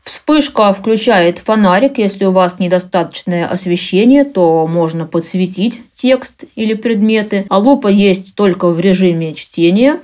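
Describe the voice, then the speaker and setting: Female, mid-range voice, tutorial presenter, measured instructional explanation. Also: medium pitch, animated, a little mellow. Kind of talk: explanatory software walkthrough.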